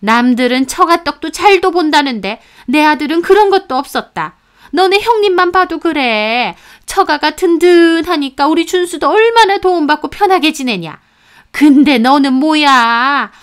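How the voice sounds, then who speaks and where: A woman's voice: high voice, expressive, moderate pace, voice pushed up. A woman voicing a spiteful older mother-in-law who scolds with sneering contempt. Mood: scolding.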